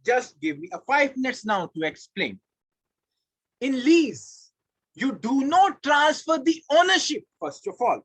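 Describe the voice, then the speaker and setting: A man's voice: extremely high pitch, very animated, measured pace, a bit bright, breathy edge, dry recording. A man with an Indian accent teaching a live online class, emphatic and repeating key phrases. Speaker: law teacher. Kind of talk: live online lecture to students.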